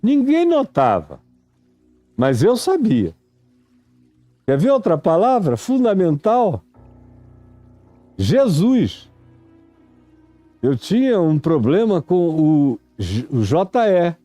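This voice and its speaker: A man in his seventies with a Brazilian Portuguese accent, a preacher telling a reflective story in a sermon, unhurried and reminiscing. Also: sits high, sing-song, mellow, dry recording, faint music behind. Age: 70s. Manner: slow, unhurried, reminiscing, acts out stammering syllables.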